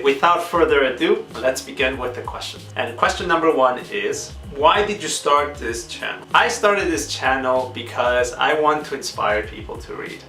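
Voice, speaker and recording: A man's voice: medium pitch, pushed and bright. A young man from Peru, hosting a book channel and earnestly answering questions one by one in a casual vlog, now and then searching for a word. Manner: earnest, measured, sometimes searching for words. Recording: echoey room, distant mic, faint guitar music.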